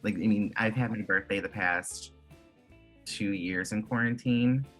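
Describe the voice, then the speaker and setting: A man in his twenties from Michigan, USA, chats casually as an interview guest, his talk full of "like" fillers. His voice is lowish and fairly bright, his pace unhurried, with faint music playing behind him.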